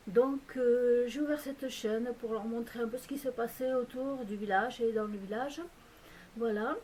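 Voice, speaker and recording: Filming at home in a Belgian village, a vlogger from France talks informally to camera in her French accent, faltering and restarting often amid lots of filler words. Her voice is a little high and mellow, delivered at a moderate pace with fairly even intonation, and a slight hiss or hum runs underneath.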